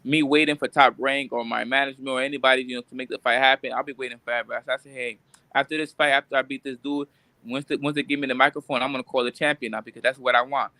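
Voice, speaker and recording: A man's voice: mid-range voice, steady tone, fast talker, sharp tone, no room sound. A man from Puerto Rico, a boxer, talking confidently and insistently in an interview, often repeating himself. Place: remote live stream.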